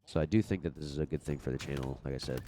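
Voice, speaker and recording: A man with an extremely deep, dark and mellow voice, thick with congestion from a cold. He rambles in a loose, unedited podcast-style chat, full of fillers and restarts, as a young gaming host. A faint hiss sits under the voice. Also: racing.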